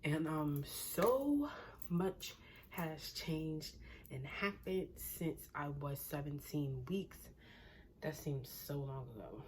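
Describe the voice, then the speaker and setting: Low-voiced chatty pregnant woman. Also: expressive, slow pace, a little hiss or hum. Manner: chatty, rambling, laughs often, drops to a near whisper at times. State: short of breath from pregnancy. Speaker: pregnancy vlogger. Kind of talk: casual vlog chat.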